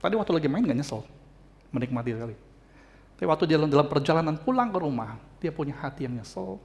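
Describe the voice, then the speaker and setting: A man's voice: a little high, big pitch swings, fast. A male pastor preaching a sermon, telling a story expressively and speaking heartfelt to the congregation.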